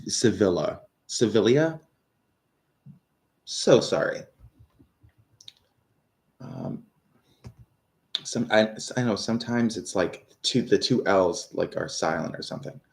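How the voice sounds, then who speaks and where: Deep voiced guy doing tarot live, rambly, swears a lot, talks to chat. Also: creaky. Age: 30s. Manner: rambling, swears, many fillers and restarts; talks to viewers, reads out their questions. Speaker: tarot reader.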